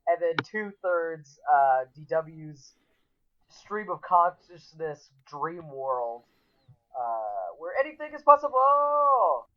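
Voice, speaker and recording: A man's voice: a little high, muffled recording. A man co-hosting a podcast, chatting about a cartoon in an enthusiastic, rambling way with many fillers. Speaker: podcast co-host. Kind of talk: casual chat.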